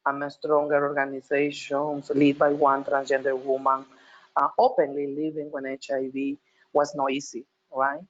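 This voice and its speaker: A woman from Peru with a Peruvian Spanish accent, speaking as a panelist over a video call, halting, with frequent restarts and repeated words. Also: sits low. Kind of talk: panel talk. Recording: dull lo-fi call audio.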